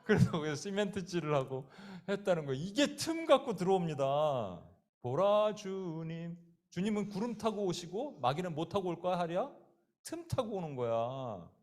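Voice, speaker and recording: With a high, very animated voice that's a bit mellow, this preacher moves at normal speed through his sermon. He brings stories to life, acts out the quoted characters, and addresses the congregation and a child by name.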